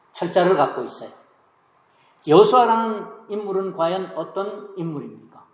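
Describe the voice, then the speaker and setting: A male pastor with a notably high voice preaches a sermon, asking questions of his congregation and answering them himself. His volume swings from hushed to emphatic. The recording carries a long, roomy reverb, as if from a large hall. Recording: echoey hall.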